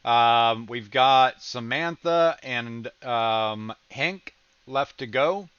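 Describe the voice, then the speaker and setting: A reaction streamer with a slight Southern American accent hosts a casual livestream chat, rambling with many ums and restarts and laughing easily. His mid-range voice is very slow, fairly bright, clear and resonant. The audio is dull, with no echo.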